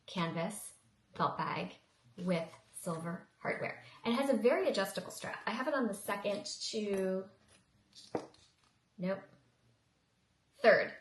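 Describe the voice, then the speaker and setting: A woman in her thirties, a high school teacher, chatting casually in a vlog, rambling with restarts and asides. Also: reverberant, a little hiss or hum.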